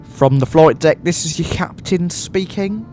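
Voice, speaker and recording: A man's voice: on the high side, unhurried, darkish tone, faint music behind, natural voice. A man playing a mock airline captain who makes a formal cabin announcement laced with jokey insults for the passengers.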